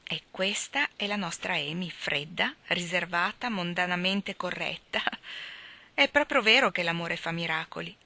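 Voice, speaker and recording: A woman reading aloud and voicing a restless young woman who longs for love, in a soft, confiding way. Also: lowish voice, expressive, unhurried, exaggerated voice. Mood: wistful.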